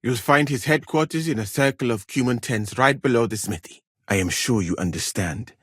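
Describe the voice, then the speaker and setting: An actor playing a courteous, learned medieval physician from Mali in a video game, speaking formally and in measured phrases. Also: male voice, medium pitch, fairly bright tone, slightly rough. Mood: earnest, courteous. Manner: measured, polite, formal, articulate. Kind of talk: video game dialogue acting.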